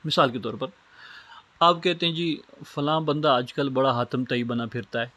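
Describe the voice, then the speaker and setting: A man's voice: mid-range voice, fairly even intonation, sharp tone. A man from Pakistan lecturing on Islamic studies, explaining step by step with simple everyday examples. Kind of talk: recorded lecture.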